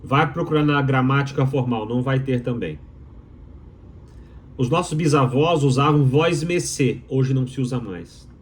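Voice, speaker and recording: A mid-range male voice at normal speed belongs to a doctoral student from Minas Gerais who speaks Brazilian Portuguese in a Mineiro accent. His explainer for viewers is opinionated, emphatic and rhetorical, with key phrases repeated.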